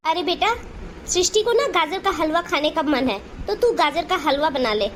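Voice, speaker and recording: A woman's voice: high-pitched, expressive, normal speed, slight background noise. A woman voicing an indulgent middle-aged mother in a Hindi cartoon, coaxing and placating.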